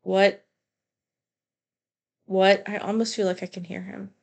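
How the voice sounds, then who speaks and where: A young adult woman chats through a video game playthrough, joking and rambling with plenty of fillers. Her voice sits in an ordinary middle pitch, relaxed and unhurried in manner. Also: vocal fry. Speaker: gamer. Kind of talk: casual let's-play commentary.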